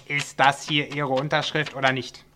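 A man's voice: mid-range voice, little pitch movement, normal speed, background noise, close to an everyday voice. Man doing a curt, grumpy old dwarf builder. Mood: blunt. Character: gruff grey-haired male dwarf builder.

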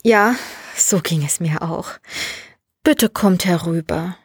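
A woman reading the part of an eerie radio voice posing as a lost male cosmonaut, slow and oddly detached. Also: fairly low pitch, breathy edge, dry recording, exaggerated voice.

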